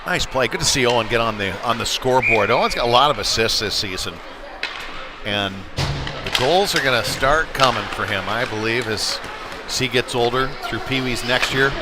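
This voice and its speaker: A man gives folksy, home-team play-by-play of a youth ice hockey game from the indoor rink, his mid-range voice at a normal speed. The recording carries loud arena ambience with bangs and slamming pucks.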